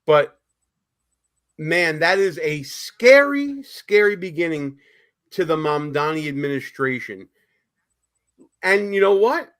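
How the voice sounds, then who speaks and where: A man's voice: on the high side, expressive, slow, long pauses, a bit bright. A man with a Brooklyn accent hosting a casual live political talk show in a chatty, informal way.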